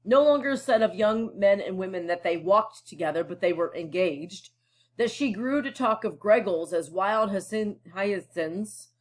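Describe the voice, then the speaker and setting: A woman teacher reads passages from a novel and stops to unpack them for her students. She talks casually and checks in often, her voice at an ordinary middle pitch. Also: a little slow. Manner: casual and explanatory, with frequent fillers and check-ins. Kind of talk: reading a novel aloud and explaining it.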